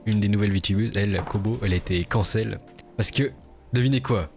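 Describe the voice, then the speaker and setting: Low-voiced man in a played video clip. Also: brisk, creaky, darkish tone, faint music behind. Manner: speculative, gossipy, hesitant fillers. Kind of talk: conversational video commentary.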